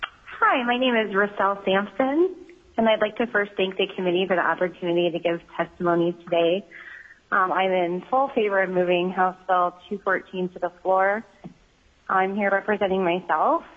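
A woman calls in to testify at a hearing, speaking in an earnest, measured way and leaning on small ums as she goes. Her voice comes through a thin, tinny, crackly phone line that fades in and out. Her pitch sits in the middle of the usual range. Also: fairly even intonation. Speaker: member of the public testifying at a hearing. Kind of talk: prepared public testimony by phone. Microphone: phone call-in.

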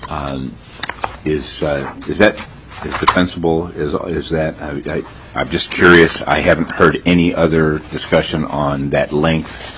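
A man on a committee asking questions in a halting way, with many restarts. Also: a bass voice, fairly even intonation, background noise. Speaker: state senator.

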